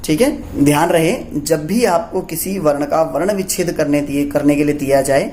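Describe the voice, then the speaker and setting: A man's voice: a little high, normal speed, a little mellow, slight background noise. A man teaching a Sanskrit lesson for young pupils. He asks questions and answers them himself, checking in often as he goes. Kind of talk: classroom lesson explaining letters.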